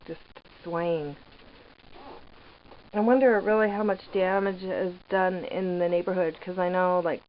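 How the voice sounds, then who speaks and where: A woman giving rambling, hesitant, casual vlog commentary from inside a small trailer, pausing mid-sentence. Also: fairly low pitch. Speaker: vlogger living off grid in a trailer. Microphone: handheld camera microphone. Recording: dull lo-fi camera audio, background noise.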